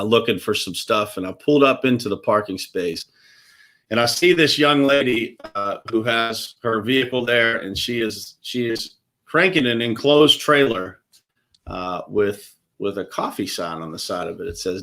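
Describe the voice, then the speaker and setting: Relaxed lower-voiced male host. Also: measured pace. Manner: easygoing, lots of "uh" fillers and restarts. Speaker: show host. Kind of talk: casual interview chat.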